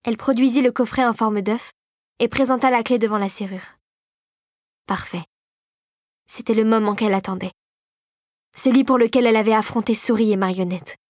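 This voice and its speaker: A woman narrating a children's fantasy audiobook in a steady, clear storytelling voice. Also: a little high, moderate pace, pauses often, no echo, studio quality.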